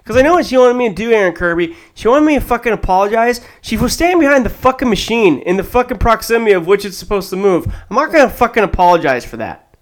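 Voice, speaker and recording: Podcast co-host, man in his thirties, slightly high voice, foul-mouthed ranter in casual chat. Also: lively intonation, fast. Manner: profane, ranting storyteller.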